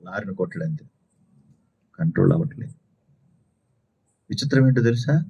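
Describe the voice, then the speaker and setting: A man's voice: on the low side, lively intonation, normal speed, vocal fry, warm tone, slightly rough. A man preaching a sermon at a Sunday house meeting, telling stories and asking rhetorical questions with lots of repetition. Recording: dull lo-fi recording.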